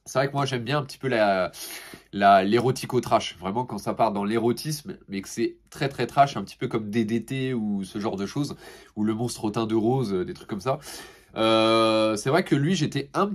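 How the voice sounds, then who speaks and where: A young man casually reviewing his latest manga purchases in a relaxed, chatty way, with many fillers and restarts and laughs between remarks. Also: fairly low pitch, moderate pace.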